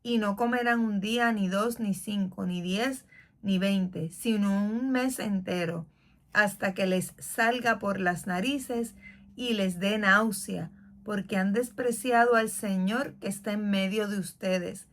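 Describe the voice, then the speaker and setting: A woman's voice: medium pitch, takes it slowly. A woman reading as the stern voice of God. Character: the Lord, stern divine male voice.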